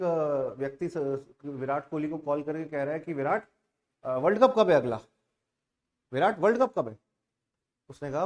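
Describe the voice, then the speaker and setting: A man with an Indian accent, a coaching teacher, gives an informal online exam-prep lecture, switching between Hindi and English. His voice is on the high side and a little mellow. He's conversational and emphatic.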